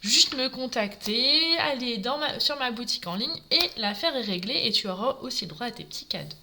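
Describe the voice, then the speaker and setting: A woman's voice: on the high side, expressive, fairly quick, noisy background. A woman giving a live craft demonstration, talking through each step and greeting viewers as she works.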